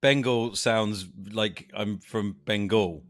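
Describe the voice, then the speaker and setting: A man's voice: on the low side, slow pace, a bit bright, no room sound. A man co-hosting a casual podcast chat, with dry, sarcastic humour. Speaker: podcast co-host.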